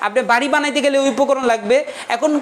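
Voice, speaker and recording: Man, quick talker, jokey lecture, rhetorical questions. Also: extremely high pitch, fairly bright tone, slight background noise. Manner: joking, keeps checking the class understands, asks rhetorical questions. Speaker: economics teacher. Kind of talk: casual joking lecture.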